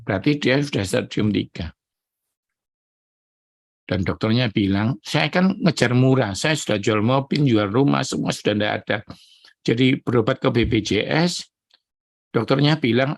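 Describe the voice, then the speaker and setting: A man's voice: mid-range voice, vocal fry, no room sound, studio quality. A middle-aged man preaching a sermon, giving an emotional personal testimony and speaking directly to the congregation. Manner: emotional, addresses congregation as saudara.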